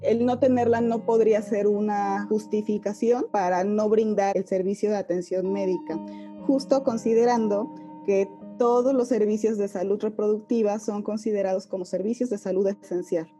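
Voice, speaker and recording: A woman's voice: mid-range voice, steady tone, moderate pace, dark tone, soft background music. A woman, an expert explaining rights in an interview, listing points one by one.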